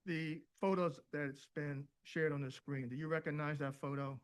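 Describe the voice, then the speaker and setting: Male attorney, slightly high voice, formal step-by-step witness questioning. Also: steady tone, normal speed, clean tone.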